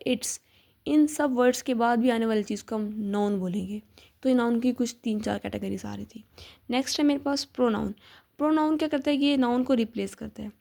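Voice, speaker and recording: A young woman teaching a casual grammar lesson, patiently repeating examples and spelling words out slowly. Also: fairly high pitch, gravelly, mellow. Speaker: teacher sharing study notes.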